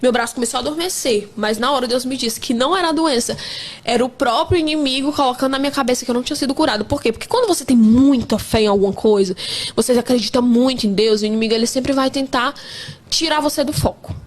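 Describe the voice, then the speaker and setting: A woman's voice: sits high, fast talker. A woman in her twenties, pregnant, telling her faith testimony in an earnest, emphatic casual way. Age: 20s. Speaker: guest sharing a testimony.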